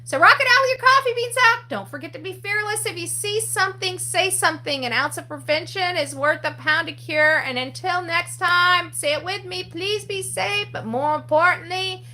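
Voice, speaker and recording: An extremely high-pitched woman hosts a true-crime channel online, talking at a moderate pace with few pauses while rambling through fillers and restarts. She ends with loud, cheerful sign-off catchphrases, and the sound is reverberant and distant from the mic.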